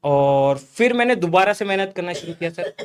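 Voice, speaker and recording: A man's voice: high-pitched, animated, moderate pace, clean tone. A young man telling students about failing and studying again, earnest and direct, often calling his listener sir. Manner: earnest, addresses viewers as guys and host as sir. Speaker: guest influencer. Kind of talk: motivational chat.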